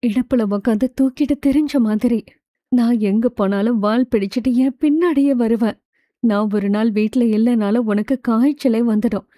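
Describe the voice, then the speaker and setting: A woman narrator voices an older sister, quiet and reflective, speaking softly to her brother. The tone is mellow and warm, close and dry. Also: a little high, moderate pace, no echo, close to an everyday voice. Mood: tender. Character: older sister, wounded but tender woman.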